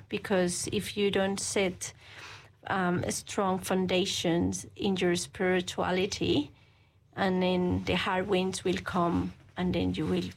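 Woman, earnest, halting guest. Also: on the low side, slight background noise, poor audio. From Colombia. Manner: earnest, halting speech with frequent restarts. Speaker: guest, women's ministry leader. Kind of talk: conversational interview.

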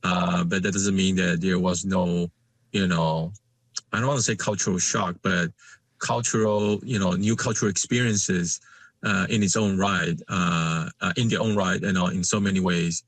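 A Malaysian man, a guest in a conversational interview, speaks haltingly with lots of fillers and restarts. His voice sits low and steady in tone, with no echo.

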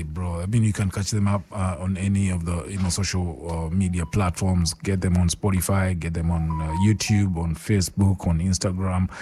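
A man's voice: low voice, dark tone, a little hiss or hum. A man co-hosting a casual radio chat, laid-back and fond of calling people "man". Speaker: radio co-host.

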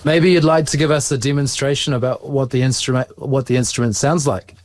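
A man's voice: mid-range voice, steady tone, a little fast. A man, a school teacher patiently asking his students encouraging questions. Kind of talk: interviewing students.

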